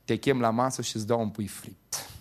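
A man voicing a weary pastor in a told anecdote, speaking low and hushed to coax a noisy churchgoer into quiet. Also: steady tone, natural voice.

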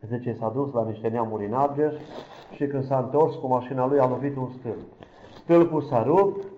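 A male preacher delivering a heartfelt testimony sermon straight to his congregation. His voice sits at an ordinary middle pitch. It rises into loud, fervent calls and then drops to hushed, near-whispered lines. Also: lo-fi sound. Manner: addresses the congregation directly.

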